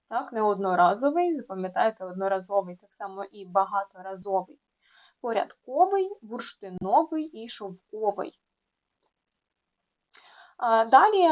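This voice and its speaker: A woman tutor explains a lesson, her voice a little higher than most. She repeats words deliberately to contrast their stresses, with small fillers between them. The recording sounds dull and lo-fi. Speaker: Ukrainian language tutor.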